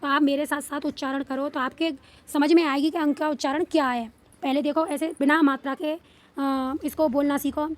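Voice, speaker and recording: A woman teaching small children to read, patiently repeating questions and stretching out sounds slowly. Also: high-pitched, steady tone. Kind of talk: Hindi reading lesson for children.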